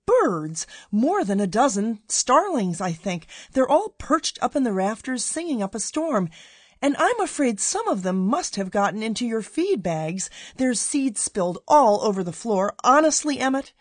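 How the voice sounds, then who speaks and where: A woman doing an excited scolding wife. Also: on the high side, unhurried, slightly rough, no echo, pitched above the performer's own voice, heavily acted. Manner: exclaiming, scolding.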